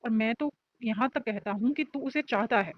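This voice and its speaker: A woman's voice: fairly high pitch, normal speed, no room sound, lo-fi sound, natural voice. A woman voicing a nosy, teasing young male college student in a storybook reading. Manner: joking, nosy banter.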